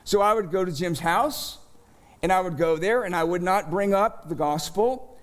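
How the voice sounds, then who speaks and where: A middle-aged male pastor preaching a sermon, telling a personal story slowly and deliberately, rising with emphasis at key moments. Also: high-pitched. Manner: storytelling, slow and deliberate with animated rises.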